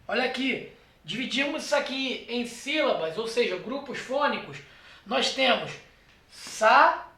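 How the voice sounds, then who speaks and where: A teacher with a Brazilian accent gives a lecture at a board, talking straight to the viewer. The voice is bright and forceful and keeps checking in with quick tag questions. The room echoes around it. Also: mid-range voice, animated. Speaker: exam prep teacher. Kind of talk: classroom lecture. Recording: roomy echo.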